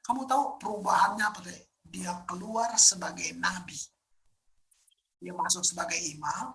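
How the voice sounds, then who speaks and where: Woman, pastor, conversational sermon, bright voice, emphatic, whispered asides. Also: medium pitch, rough recording. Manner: emphatic, often dropping to a hushed whisper; casual conversational preaching with fillers.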